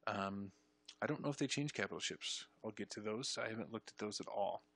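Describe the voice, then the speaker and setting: A young man streaming, reading game ability text aloud and reacting with excited bursts in casual commentary. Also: lowish voice, fairly quick, gravelly, slightly rough, dry recording. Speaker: streamer reviewing game ship changes.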